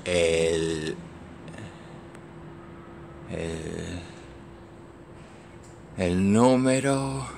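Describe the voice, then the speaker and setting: A man's voice: low-pitched, lively intonation, extremely slow, creaky, pauses often, darkish tone, a little hiss or hum. A man from the Maresme in Catalonia with a Catalan accent, filming outdoors on a phone and keeping up a repetitive, muttering commentary that often drops to a whisper. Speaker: amateur filmer. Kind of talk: casual commentary while filming. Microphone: phone camera.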